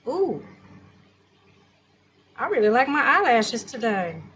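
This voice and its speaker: A sassy makeup consultant talks bluntly and slowly, voiced by a woman. Her high voice is bright and sharp, with plenty of attitude and slang. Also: big pitch swings, slight background noise, exaggerated voice, low-quality recording.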